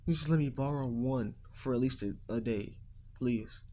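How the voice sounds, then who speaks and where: A man's voice: medium pitch, unhurried, dark tone, natural voice. A man voicing a tired woman teacher who hesitantly pleads for a favor, in a fan-made story reading. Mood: pleading.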